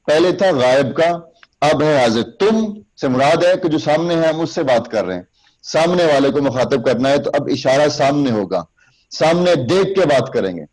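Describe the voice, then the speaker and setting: A man's voice: fairly high pitch, lively intonation, a little mellow, low-quality recording. Man teaching public speaking, explaining gestures. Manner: explains hand gestures step by step, addressing students directly; recites sample lines in a raised, slow, emphatic voice. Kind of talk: classroom lecture.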